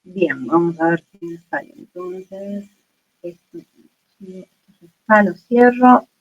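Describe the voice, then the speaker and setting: A woman's voice: on the low side, animated, slow pace. A woman with an Argentine accent teaches an online chemistry class, chatty and informal. She checks in with her students often and pads her talk with fillers. The sound is dull and lo-fi over a video call. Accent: Argentine Spanish.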